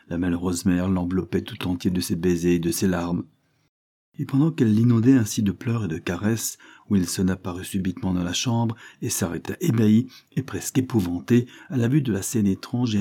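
A man reading a novel aloud as an audiobook, in measured, dramatic storytelling. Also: on the low side, dark tone, husky. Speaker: audiobook narrator. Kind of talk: audiobook narration.

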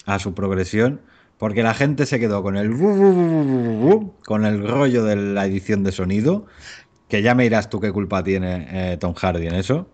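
A man's voice: fairly low pitch, normal speed, a little mellow. A man chatting casually about films on a podcast, often chipping in with short agreeing interjections. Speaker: podcast co-host. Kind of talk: casual film chat. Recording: dull lo-fi sound.

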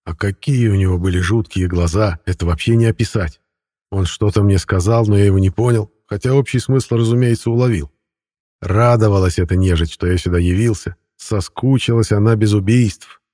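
Low, husky male audiobook narrator. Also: fairly even intonation, fairly quick, warm tone, no echo, studio quality. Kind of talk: scripted first-person narration.

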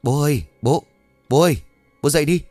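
A man doing a brisk grown daughter. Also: low voice, a little mellow, no echo, faint music behind. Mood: urgent.

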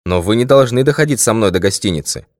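A man doing a calm, assured detective. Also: lowish voice, no room sound, clean studio sound, pitched above the performer's own voice, lightly acted. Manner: composed, measured and assured. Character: calm, confident male detective, middle-aged. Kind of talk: audiobook character voice.

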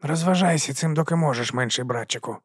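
A man's voice: on the high side, quick pace, dry recording, studio quality, pitched above the performer's own voice. A man reading an audiobook, voicing a sardonic grown male wolf who grumbles and teases protectively. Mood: teasing. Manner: gruff, teasing, protective.

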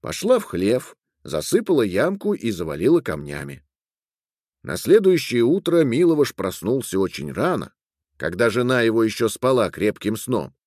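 A man narrating a folk tale in an expressive way, reading all the characters' parts himself. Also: lowish voice, moderate pace, dry recording, studio quality. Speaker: storyteller.

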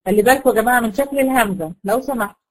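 A woman with an Egyptian Arabic accent teaching a tajweed lesson to a class of girls, patiently asking questions and drawing out example words slowly. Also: on the high side, rough recording. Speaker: Quran recitation teacher.

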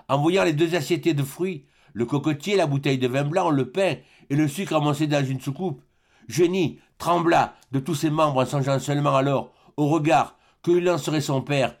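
A man reading a classic novel aloud as an audiobook narrator, in a measured, even storytelling manner. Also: fairly high pitch.

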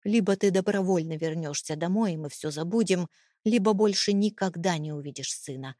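Brief: woman playing a contemptuous, controlling husband, low and cold, dry close read. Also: a little fast, dark tone, dry recording, natural voice. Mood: cold menace. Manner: mocking, icy, menacing. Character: cold, contemptuous, domineering husband, adult man. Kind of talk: audiobook character reading.

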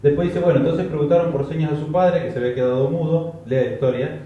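A man's voice: a little high, steady tone, quick pace. A man preaching a conversational sermon, with joking asides and rhetorical questions. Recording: echoey, distant, dull lo-fi recording.

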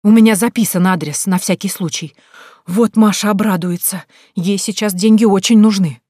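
A woman's voice: medium pitch, normal speed, warm tone, no echo, clean studio sound, lightly acted. A woman voicing a helpful, chatty neighbor woman. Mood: eager.

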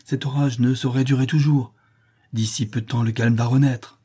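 A man's voice: medium pitch, steady tone, moderate pace, mellow, breathy edge, voice pushed up, close to an everyday voice. A man voicing a young American man who takes charge, barking commands over a storm in a read-aloud story. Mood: reassuring.

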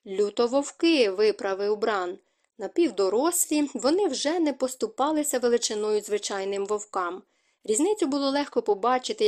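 A woman narrating a fantasy novel as an audiobook in a steady, expressive reading. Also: on the high side. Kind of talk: scripted narration.

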